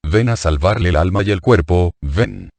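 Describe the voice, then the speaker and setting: A grieving older woman pours out anguished, pleading questions, as a male reader takes her part. The voice sits very deep and low. The sound is close and dry, with no room around it. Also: normal speed, vocal fry, darkish tone, no room sound.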